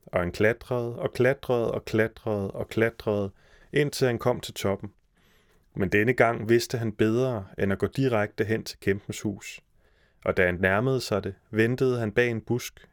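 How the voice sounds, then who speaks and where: A man narrates a fairy tale in a steady, even storytelling manner. His voice sits low, and the recording is close and dry, with no room around it. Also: no room sound. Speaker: podcast storyteller.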